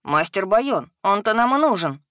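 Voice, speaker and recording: A woman voicing a talkative, restless young male dragon student who speaks loudly and excitedly. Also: medium pitch, normal speed, no echo, clean studio sound.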